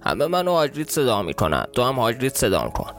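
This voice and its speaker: A huge, hot-tempered gamekeeper with a southern Iranian accent, blunt and quick to bristle, as a man reads him aloud. He speaks in a plain mid-pitched voice, and soft music runs under the storybook reading. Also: wildly swooping pitch. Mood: gruff. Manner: blunt, indignant.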